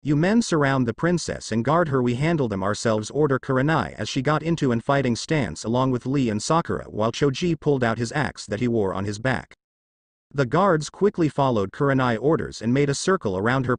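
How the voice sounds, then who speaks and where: A man narrating a fan-written story as a steady read-aloud. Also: medium pitch, fairly quick, dry recording, clean studio sound. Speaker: fanfiction narrator. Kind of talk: scripted narration.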